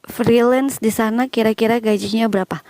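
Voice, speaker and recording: A woman's voice: a little high, steady tone, normal speed, darkish tone, dry recording. Young indonesian woman vlogging outside on a walk, answering viewer questions, dry close sound. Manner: chatty, reads out and answers live questions. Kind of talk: casual chat while walking. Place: outdoors walking through a quiet village.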